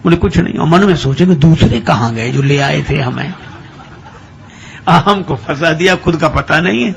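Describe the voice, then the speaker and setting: Gravelly man telling a comic sermon story. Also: a little high, lively intonation, moderate pace, lo-fi sound, a little hiss or hum. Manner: chatty storytelling, laughing at his own tale. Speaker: preacher. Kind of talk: humorous devotional storytelling sermon.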